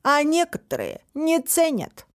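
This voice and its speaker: Boastful walking house, as a woman puts it on, smug and pleased with itself, raised pitch, lively storybook voice. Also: a little slow, dry recording, studio quality, exaggerated voice. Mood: proud. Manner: proud, self-satisfied. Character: proud walking little house, boastful champion. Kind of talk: children's storybook reading.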